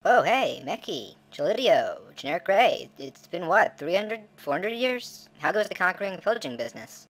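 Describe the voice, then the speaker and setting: A man's voice: high-pitched, very animated, normal speed, hardly any pauses, noisy background. Man voicing a laid-back alien ex-conqueror. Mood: easygoing.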